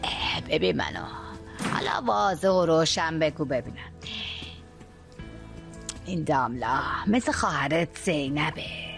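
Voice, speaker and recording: A woman's voice: low voice, expressive, gravelly, long pauses, faint music behind. An actress playing a meddling middle-aged mother in a dubbed drama, bossy and scolding. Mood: scheming. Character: meddling gossipy mother, sharp-tongued and bossy. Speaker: scheming mother.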